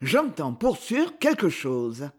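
Brief: a man voicing a jittery, cautious old professor in an audiobook, husky voice. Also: a little high, huge pitch swings, slow pace, heavily acted. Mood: wary. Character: nervous, skeptical older male scientist. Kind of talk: audiobook character reading.

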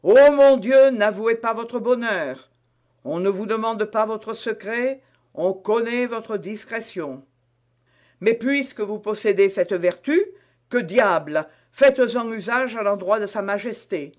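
A man's voice: high-pitched, unhurried. A man reading the part of a vain, blustering young musketeer who talks in a hearty, emphatic, lecturing way in an audiobook.

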